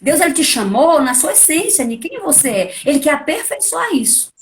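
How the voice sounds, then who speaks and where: A middle-aged woman preaching in a friendly, conversational way. Her voice sits a little high, and she keeps asking rhetorical questions. She hits her key points with sudden leaps in pitch. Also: very animated, normal speed. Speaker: preacher, guest. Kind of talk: conversational testimony and teaching.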